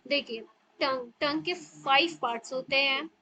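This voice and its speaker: Woman tutor, high voice, walks thru tajweed sounds one by one, keeps asking "theek hai". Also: unhurried, bright, forceful tone, low-quality recording. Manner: explains step by step, checks in with "theek hai". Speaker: Quran recitation teacher. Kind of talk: online tajweed class.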